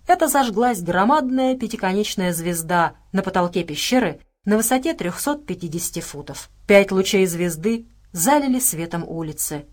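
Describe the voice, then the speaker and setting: A woman reading an audiobook as its narrator, in a steady, measured way with dramatic stresses. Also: mid-range voice. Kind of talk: scripted narration.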